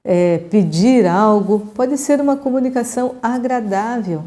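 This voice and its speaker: A Brazilian woman in her sixties, host of her own channel, giving calm and chatty advice straight to the viewer as a friend. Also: mid-range voice. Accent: Brazilian Portuguese. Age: 60s. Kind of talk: casual advice talk to camera.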